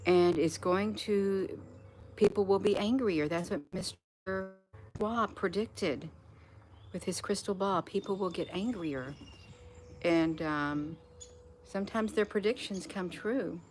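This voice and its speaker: With wind chimes and birdsong in the background, a woman sits outdoors on a porch hosting a casual live stream, addressing viewers folksily and repeating phrases for emphasis. She speaks slowly in a mid-range, slightly mellow voice.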